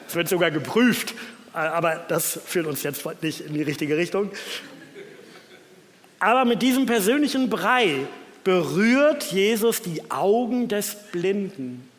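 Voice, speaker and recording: A man gives a sermon with a fairly high voice and a reflective manner, reading scripture passages aloud. His words ring out with a long reverb from the church around him. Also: expressive, slow, long pauses, a little hiss or hum. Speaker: preacher.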